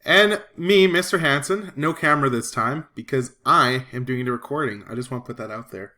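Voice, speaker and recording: A man's voice: mid-range voice, a little fast, bright, forceful tone. A man, teaching a recorded class lesson in a casual, explanatory way with some restarts.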